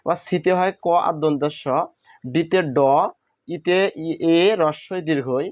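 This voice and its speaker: A man's voice: on the high side, unhurried, darkish tone, no echo. A man teaching a spoken lesson, patiently asking questions and answering them himself. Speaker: English teacher.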